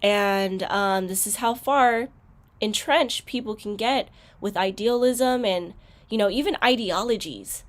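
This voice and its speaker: Speaking a little slowly in a medium pitch, a woman reacts to something in a casual video. Her talk is thoughtful and filler-heavy, getting loud and forceful when she's frustrated.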